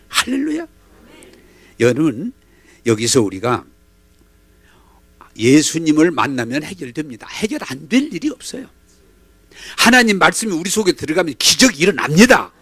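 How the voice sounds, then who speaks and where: Brief: fiery male preacher, fairly high voice that swoops up and down, dry close mic. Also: husky, dry recording. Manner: animated, dramatic, leads call-and-response. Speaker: pastor. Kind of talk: sermon. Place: church.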